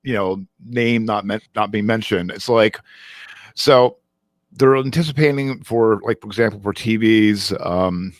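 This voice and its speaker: Casting: low-pitched male co-host, hesitant tech-news delivery, lots of fillers, dry close sound. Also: no room sound. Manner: halting, many ums and restarts. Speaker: podcast co-host. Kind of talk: casual tech news chat.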